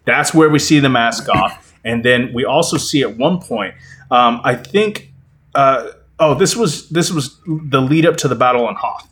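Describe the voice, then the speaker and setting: A man's voice: medium pitch, expressive, measured pace, a bit bright. Crude, rambling podcast guy. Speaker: podcast co-host. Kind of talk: casual movie discussion.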